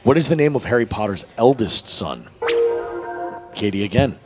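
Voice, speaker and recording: A man with a medium-pitched voice runs a pub trivia night in a burger bar, speaking at a normal speed into a microphone at a venue table. He reads quiz questions to the teams in a lively way, laughing often, teasing the players, and trading casual banter as music plays in the background.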